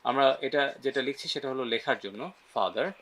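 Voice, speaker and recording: A man runs a pronunciation lesson, switching between Bengali and English. He leads repeat-after-me drills sound by sound and keeps checking in with his listeners. His pitch sits at a middle level for a man. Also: moderate pace, fairly bright tone. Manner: asks frequent "right?" check-ins.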